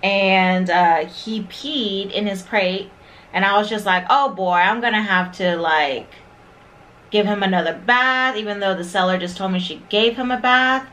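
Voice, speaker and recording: A young woman vlogger introduces her new puppy, chatting casually to camera and sometimes cooing at the dog in sing-song baby talk. Her voice is medium-pitched, pushed and bright, at a measured pace.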